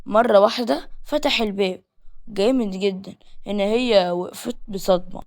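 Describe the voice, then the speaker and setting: A woman with an Egyptian accent reading a romance novel aloud as narrator, in a lively storytelling manner. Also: mid-range voice, moderate pace. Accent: Egyptian Arabic.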